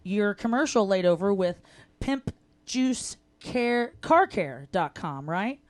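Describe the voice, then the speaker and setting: A woman's voice: medium pitch, animated, slow pace. A woman hosting a local radio talk show, chatty and upbeat as she questions a caller and promotes sponsors. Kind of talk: casual local radio chat.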